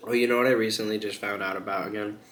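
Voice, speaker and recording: A man's voice: on the low side, fairly even intonation, rapid-fire, a bit bright. Crude, rambling young man vlogging. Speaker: mukbang vlogger. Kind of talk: casual eating chat to camera. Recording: echoey room with faint background noise.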